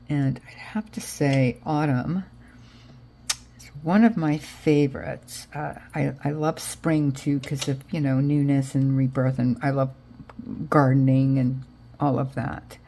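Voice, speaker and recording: A woman's voice: very deep voice, flat delivery, slow pace, vocal fry, dark tone, slight background noise. A woman with an American accent chatting casually as she narrates a craft project, rambling and thinking aloud, often trailing off. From Israel, raised in Connecticut, US. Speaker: craft vlogger.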